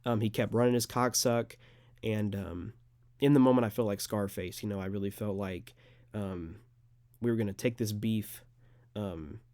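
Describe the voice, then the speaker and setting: A young man with a low, dark, mellow voice speaks earnestly in a long, unedited monologue. He rambles, fills the gaps with "um", and restarts his sentences. The sound is dry and close, with no room echo. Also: fairly even intonation, moderate pace. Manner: rambling, earnest, filler-heavy. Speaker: amateur fighter.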